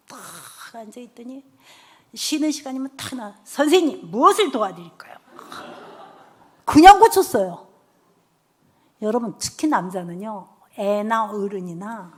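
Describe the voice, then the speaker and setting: Lively storytelling woman preacher. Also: fairly high pitch. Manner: lively storytelling, acting out children's and her own lines; drops to soft near-whispers for tender lines. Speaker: church deaconess speaker. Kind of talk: testimony sermon at a church revival meeting.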